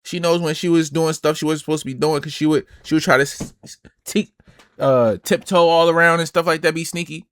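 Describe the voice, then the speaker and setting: A man in his twenties giving blunt, emphatic, slang-heavy reaction commentary as a streamer, often trailing off quieter at the ends of phrases. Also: fairly high pitch, steady tone, brisk, no room sound, clean studio sound. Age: 20s.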